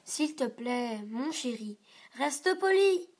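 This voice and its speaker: A woman's voice: high-pitched, lively intonation, slow, exaggerated voice. A woman voicing a strict father in a picture book, stern and scolding. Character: strict father losing patience.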